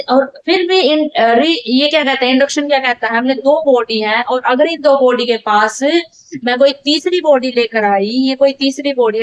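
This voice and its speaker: A woman teaching a physics lesson, who repeats key phrases and asks and answers her own questions. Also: high voice. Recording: dull lo-fi sound.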